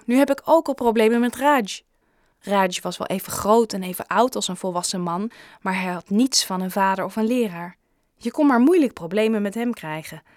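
A woman narrating a children's story in a steady, even reading voice. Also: mid-range voice, dry recording, clean studio sound. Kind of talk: audiobook narration.

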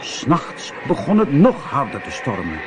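A man reading a children's story aloud as narrator, slow and expressive. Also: mid-range voice, background noise.

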